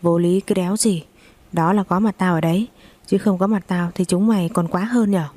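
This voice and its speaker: A woman voicing a jealous, violent young husband who curses and shouts in a story reading. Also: lowish voice, fairly even intonation, a little fast, close to an everyday voice. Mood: abusive. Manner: coarse, cursing, shouting.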